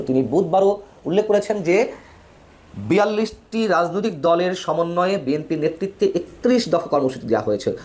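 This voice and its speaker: A man giving opinionated political news commentary, emphatic, with his pitch swinging widely between phrases. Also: darkish tone.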